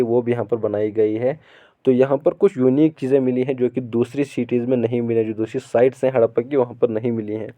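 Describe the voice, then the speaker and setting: Guy teaching from a textbook, reads the english bit slow then explains it over and over, sounds thin like a phone call. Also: mid-range voice. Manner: reads English sentences slowly, explains at length with repetition. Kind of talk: textbook lesson, reading English lines slowly then explaining in Hindi.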